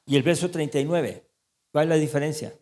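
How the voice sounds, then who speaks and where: Pastor, male, lively sermon, slightly high voice, long church reverb. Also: fairly quick. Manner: animated, asks the congregation questions.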